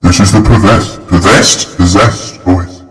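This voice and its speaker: A man speaking through a possessed-voice changer effect that makes him sound deep, doubled and demonic while he tries out voice presets. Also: steady tone, measured pace, big-room sound, recorded from a distance, faint music behind. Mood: menacing. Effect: demonic possessed voice changer, deepened and doubled.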